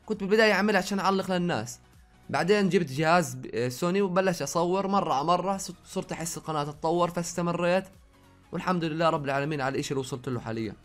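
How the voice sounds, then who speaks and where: Fast-talking young Jordanian man. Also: on the high side, faint music behind. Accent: Jordanian Arabic with some Saudi words. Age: young adult. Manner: rapid, chatty, reads viewer questions aloud then answers. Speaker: YouTuber. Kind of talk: casual Q&A vlog answering viewers. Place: his own room at home.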